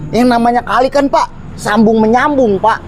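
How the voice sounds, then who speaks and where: An actor playing a frantic school worker who pleads and insists a flood is coming, with faint music under the scene. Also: male voice, very high voice, normal speed, slight background noise, low-quality recording. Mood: pleading. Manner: panicky, pleading, keeps adding "Pak". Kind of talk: horror film acting.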